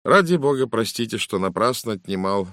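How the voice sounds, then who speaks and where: An anxious young stage actor, as a male reader puts him on, apologetic and hesitant, filling his gaps with little "er"s. The voice is lifted a little above the reader's own low tone. The audiobook recording is dry and close. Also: lively intonation, fairly quick, a bit bright, no echo. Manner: hesitant, apologetic, with filler sounds. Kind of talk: audiobook character voice.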